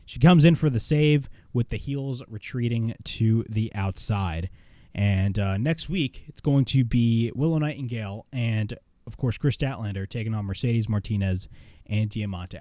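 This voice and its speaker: A man's voice: lowish voice, warm tone, dry recording. A man reviewing a wrestling show in casual commentary, blunt, opinionated and swearing freely.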